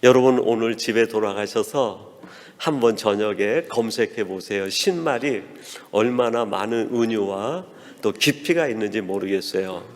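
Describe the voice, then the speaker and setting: A man preaching a sermon as pastor, telling a story and acting out quoted dialogue in a softer voice. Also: on the low side, normal speed. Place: church sanctuary. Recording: long reverb of a church hall.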